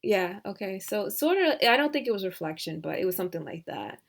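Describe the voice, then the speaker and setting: A woman walks through a software tutorial in a relaxed, thinking-aloud way, full of hesitant fillers. Her voice sits at a middle pitch with a noticeable vocal fry, and it drops to soft mutters as she works. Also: a little fast. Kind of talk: screen-recorded tutorial.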